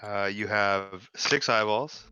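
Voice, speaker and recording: A man acts as game master, listing loot and narrating outcomes in a loose, playful way. His voice is bright and crisp. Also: lowish voice, slow, muffled recording. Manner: playful, loose, lots of fillers. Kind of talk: casual tabletop game narration.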